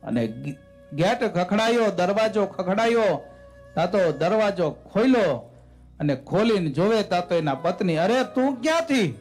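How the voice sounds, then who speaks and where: A man with a notably high voice tells a devotional story as a temple sermon. His narration is dramatic and expressive, with faint music playing behind him. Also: a little slow.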